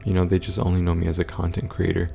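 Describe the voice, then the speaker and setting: A man talking low and quietly, as in a sleeping house at night, in a monotone, stoic way for a casual vlog update. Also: quick pace, creaky, faint music behind. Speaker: content creator.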